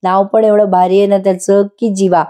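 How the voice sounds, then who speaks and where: A woman's voice: medium pitch, little pitch movement, moderate pace, warm tone. A woman narrating a voice-over recap of a TV serial, chatting directly to viewers.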